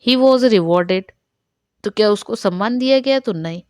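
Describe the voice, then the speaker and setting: A woman teacher with an Indian accent. She reads English questions slowly and explains them in Hindi, often asking a question and answering it herself. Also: medium pitch, clear, resonant tone, dry recording, studio quality. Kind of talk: Hindi-medium English revision lesson.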